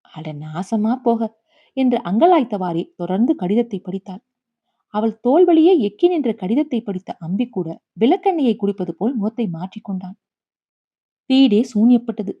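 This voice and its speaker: A woman narrator reads a short story in a measured, expressive voice. Her pitch sits in the middle, and the audiobook recording sounds slightly dull.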